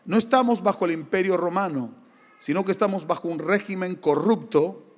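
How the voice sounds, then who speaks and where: Argentine male pastor, high voice, emphatic and animated sermon delivery, recorded with the long echo of a church hall. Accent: Argentine Spanish. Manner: emphatic, lively preaching with humorous anecdotes.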